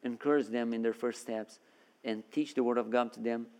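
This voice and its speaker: A man's voice: mid-range voice, steady tone, normal speed, a little mellow, smooth. A man from Brazil preaching a sermon as a guest, earnest and full of restarts and repeated words. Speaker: guest preacher and seminary worker.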